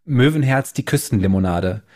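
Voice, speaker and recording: Man, from Northern Germany, podcast co-host, jokey banter, middle pitch. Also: expressive, moderate pace, a little mellow. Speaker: podcast co-host, copywriter and author. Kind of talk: casual podcast chat.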